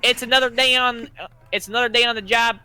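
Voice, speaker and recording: A man's voice: very high voice, steady tone, fast talker, bright, forceful tone, clear, resonant tone, no echo, exaggerated voice. A man voicing an easygoing rural country working man with a put-on country accent and repetitive folksy sayings. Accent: put-on rural American country.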